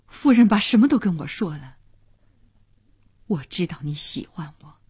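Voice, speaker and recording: A woman voicing a calm, earnest young male student in a radio storytelling, speaking low and gently. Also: normal speed, breathy edge.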